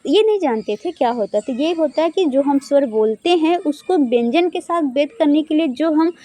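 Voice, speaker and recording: A woman's voice: high-pitched, expressive, a little fast, mellow, no room sound. A woman teaching an exam-prep grammar lesson. She asks questions and answers them herself, and stretches out sounds to show them. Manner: asks and answers her own questions, drawls sounds to demonstrate.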